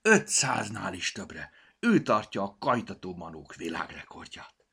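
A man voicing an earnest young male elf in a children's storybook, a gentle searcher of lost things. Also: low voice, very animated, breathy edge, full character voice. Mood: friendly.

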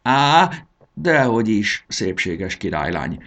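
A man's voice: lowish voice, animated, natural voice. A man voicing a lovesick, gluttonous male dragon who courts a girl, in a pleading, sheepish manner.

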